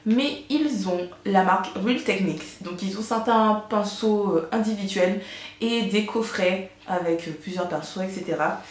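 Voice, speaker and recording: A woman presenting a casual beauty haul, chatty and enthusiastic, with many fillers, recorded on a camera mic at home. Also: medium pitch. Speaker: beauty vlogger. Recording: echoey room.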